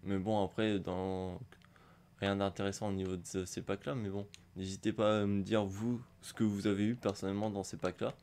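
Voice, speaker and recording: Hoarse from a cold, a man rambles through casual pack-opening commentary for a football game on his gaming channel, hesitating often. His voice is lowish and darkish, delivered flatly at a moderate pace.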